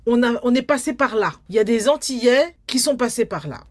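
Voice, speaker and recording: A woman from Guadeloupe talks about her documentary work in an interview. Her voice sits a little high, and she tells her stories with lively, acted-out inner dialogue. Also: a little fast. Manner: animated storyteller, acts out quoted inner thoughts. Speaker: documentary filmmaker. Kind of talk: interview conversation.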